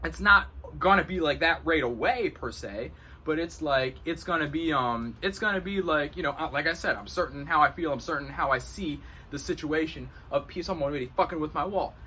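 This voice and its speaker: A man talks unscripted to camera from a room in his home, explaining astrology in a loose, slangy ramble. His voice sits somewhat high and comes across bright and pushing. He peppers the talk with filler and casual profanity. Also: brisk, slight background noise. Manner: rambling, slangy and profane, full of "you know". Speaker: astrology video host.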